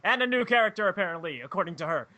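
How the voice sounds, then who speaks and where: A young man hosting a casual podcast, loud, crude and giggly as he introduces each guest. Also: high-pitched, sing-song, racing, no room sound. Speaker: podcast host. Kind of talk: casual chat.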